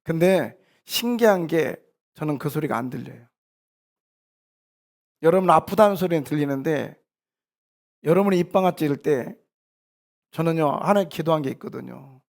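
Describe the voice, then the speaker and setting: A male pastor delivers an animated sermon in a church. His voice is high and gravelly, and he drops to quiet asides before building to loud exhortations. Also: moderate pace, long pauses. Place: church sanctuary.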